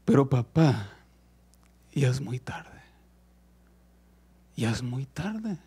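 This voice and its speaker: A man's voice: a little high, animated, unhurried. A man voicing a little girl who pleads with her father and then solemnly reproaches him, acted within a sermon. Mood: sad hush.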